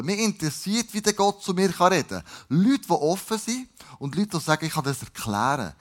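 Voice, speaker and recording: Swiss German man preaching, a bit high. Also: fairly bright tone. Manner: conversational, with asides and restarts, stressing words by repeating them. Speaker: pastor. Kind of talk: sermon retelling a Bible story.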